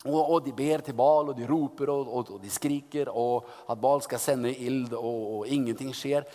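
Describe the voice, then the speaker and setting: A man preaching a sermon, retelling a Bible story in a lively, teasing way with many restarts. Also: mid-range voice, in a large hall.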